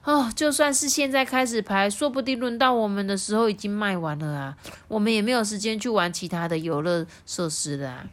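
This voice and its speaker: A woman voicing an eager, cheerful young female cat in a storybook reading, high and excited. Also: fairly quick, hardly any pauses, lightly acted. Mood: pleading. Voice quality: high and bright. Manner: excited, pleading.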